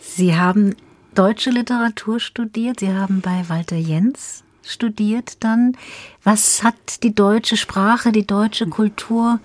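A woman's voice: medium pitch, fairly even intonation, slow pace, no room sound. A woman hosting a radio interview, asking formal, polite questions. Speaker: radio host.

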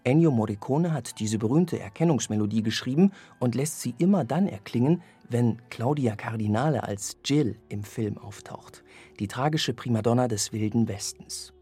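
A man reading a scripted radio review of an orchestral album in a measured, evaluative way. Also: mid-range voice, lively intonation, mellow, breathy edge, soft background music. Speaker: music critic.

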